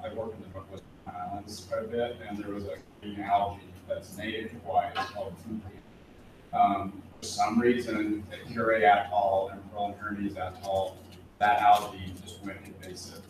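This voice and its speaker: A low-voiced man explains a point in a halting way from the floor of a talk. He sounds far from the mic in a strongly echoing room, with clear background noise. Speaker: scientist answering from the audience. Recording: echoey, distant, noisy room.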